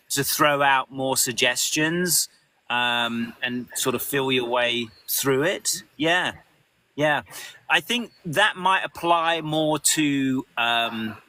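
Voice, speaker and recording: A man, a voice actor, answering questions in a live interview, animated and full of restarts. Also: mid-range voice. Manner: animated, lots of restarts, acts out quotes.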